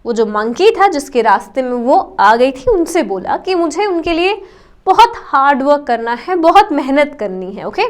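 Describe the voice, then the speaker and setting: A woman's voice: sits high, big pitch swings, normal speed. A woman teacher, explaining a story lesson and stopping to give the meanings of words. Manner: explains word meanings, mixes English with Hindi.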